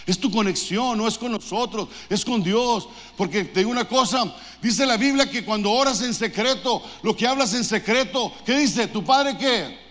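Fervent high-voiced male preacher in reverb. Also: moderate pace, few pauses, a bit bright. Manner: fervent, exhorting, with call-and-response questions. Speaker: pastor. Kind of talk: sermon. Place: church.

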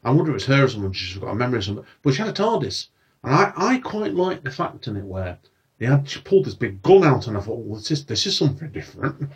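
A man runs a casual podcast chat, asking his guests questions and sometimes tripping over names. His voice is rough and husky, and his pitch swings around a lot. He sounds set back from the microphone. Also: big pitch swings, quick pace, recorded from a distance. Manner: chatty, loses his words, asks questions. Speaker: podcast host.

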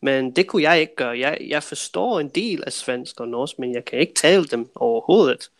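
Relaxed male podcast host, gravelly. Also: mid-range voice. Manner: relaxed, switches to explaining in English for listeners. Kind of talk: casual interview chat.

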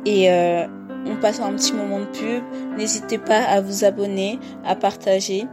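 A woman's voice: mid-range voice, fairly even intonation, normal speed, music in the background. A woman hosting a podcast, introducing her episode in a casual, hesitant way with many fillers and restarts. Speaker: podcast host and interviewer.

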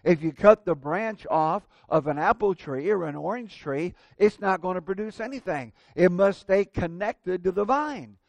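A man preaching a sermon at a pulpit microphone, addressing his congregation in a deliberate, emphatic way. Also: high-pitched, gravelly, dry recording. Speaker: preacher at a church. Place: church service, at a pulpit.

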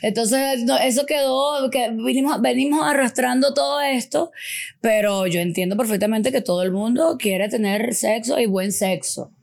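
Animated woman telling stories. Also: on the high side, normal speed, vocal fry. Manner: animated storyteller, laughs often, acts out quotes. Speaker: podcast guest, sex educator. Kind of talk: casual podcast chat.

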